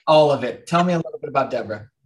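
A middle-aged man with an expressive, very fast mid-range voice hosts a podcast interview over video call from a small home office. He's upbeat and encouraging, offering frequent affirmations.

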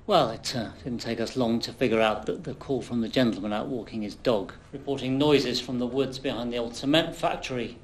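An actor playing a calm police officer questioning a boy, speaking in a measured, slightly halting way. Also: mid-range voice, slight background noise, natural voice. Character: calm male police interviewer. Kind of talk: film acting.

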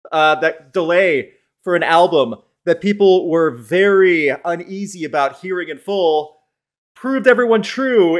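Man, podcast host, slightly high voice, opinionated, live-stream chat. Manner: chatty, opinionated, quick asides to chat.

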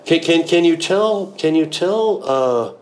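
A middle-aged man chatting casually while looking at gems, with excited exclamations and lots of repeated words. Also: a little high, slow pace. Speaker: gem hunter host.

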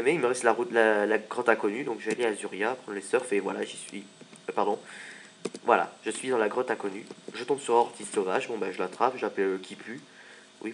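A man's voice: on the low side, slight background noise. A man giving casual gameplay commentary, chatty and joking as he plays. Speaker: let's play commentator.

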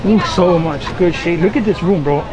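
Worn down by the heat, a young Miami man live-streams a walkaround of a packed outdoor boat show, moving between the docks and boat cabins. He has a high voice at a moderate pace, and the rough recording carries constant crowd chatter. His talk is relaxed, excitable, and slangy, sprinkled with Spanish phrases.

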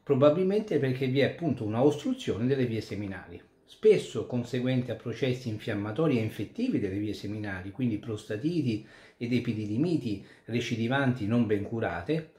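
Male doctor explaining to camera, measured and methodical, average pitch, recorded in a reverberant room. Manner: calm, methodical, explanatory with occasional restarts. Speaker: urologist and andrologist. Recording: echoey room.

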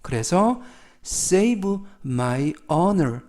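A middle-aged man with a Korean accent gives a patient vocabulary lesson. His voice sits a little higher than most men's. He talks very slowly and spells out each English word with careful repetition. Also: big pitch swings, a little mellow. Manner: polite and methodical, drawing out English words slowly. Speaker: English teacher. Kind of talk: slow explanatory vocabulary lesson.

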